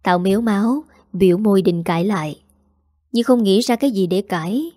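Mellow female storyteller. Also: medium pitch, normal speed, no room sound, clean studio sound. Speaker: narrator. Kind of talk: audiobook narration.

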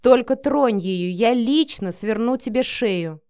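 A woman's voice: on the high side, expressive, slow pace, darkish tone, smooth, dry recording, studio quality. A woman reading an audiobook voices a domineering, harsh male boss who growls his curt, menacing lines. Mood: furious. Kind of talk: audiobook character voice.

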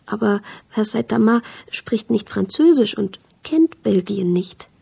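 Woman doing a hushed, ashamed office worker. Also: mid-range voice, lively intonation, a little slow, creaky, breathy edge, heavily acted. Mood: anxious. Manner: hushed, pleading. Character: anguished male office worker, timid and ashamed.

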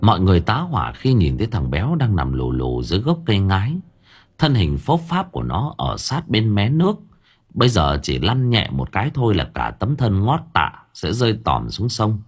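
A man narrating an audiobook story in a lively, expressive way. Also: lowish voice, moderate pace, husky.

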